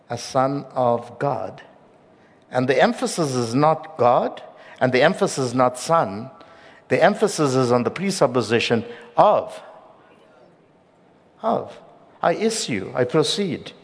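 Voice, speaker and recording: A middle-aged man preaching a sermon as pastor, with emphatic loud peaks and hushed drops. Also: a little high. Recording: long reverb of a large hall.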